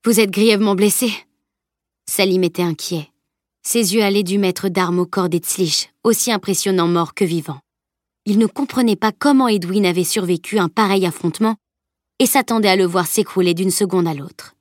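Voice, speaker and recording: A woman narrating an audiobook in a steady, measured reading. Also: lowish voice, no room sound, studio quality. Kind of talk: scripted narration.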